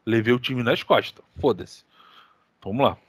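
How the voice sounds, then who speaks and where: A man with a Brazilian accent hosting a gaming podcast, telling stories in casual, animated chat full of slang and swearing. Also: mid-range voice, normal speed, husky, no echo, clean studio sound. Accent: Brazilian Portuguese. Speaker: podcast co-host.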